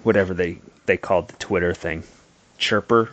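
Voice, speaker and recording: A man's voice: low voice, steady tone, moderate pace, dry recording, dull audio. A man co-hosting a comic book podcast, chatting casually and laughing often as he talks. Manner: easygoing, laughs often while talking. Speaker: podcast co-host. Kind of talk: casual chat.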